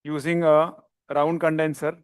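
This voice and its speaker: A man's voice: a little high, flat delivery, measured pace, smooth, dry recording, studio quality. A man with an Indian accent giving live surgical commentary as the operating surgeon, with terse, clipped instructions to assistants.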